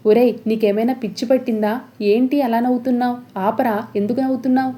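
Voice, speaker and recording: A woman's voice: on the high side, steady tone, fairly quick, dark tone, close to an everyday voice. A woman voicing a scheming middle-aged woman villain who sounds sly and defensive, in a serial recap story.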